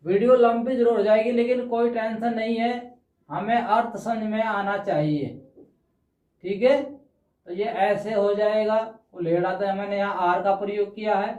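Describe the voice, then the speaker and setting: A man's voice: sits high, fairly even intonation, a little mellow, distant mic. Male teacher, explanatory lesson, patient and repetitive, recorded off-mic in an echoey room. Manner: patient, repeats words slowly, checks in with 'ठीक है' often. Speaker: Hindi teacher. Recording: roomy, dull sound from off-mic.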